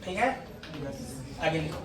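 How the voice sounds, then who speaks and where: Coaxing male teacher in an echoey room. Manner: coaxing, asks students for constant confirmation; dictates notes slowly. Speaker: physics teacher. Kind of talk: classroom lecture. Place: classroom. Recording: echoey classroom from far off.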